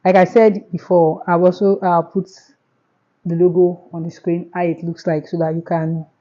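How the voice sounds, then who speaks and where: Nigerian-accented woman, chatty tutorial host, slightly low voice, dull lo-fi sound. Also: flat delivery, moderate pace, dark tone. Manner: chatty, repeats herself, step-by-step. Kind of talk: casual screen tutorial.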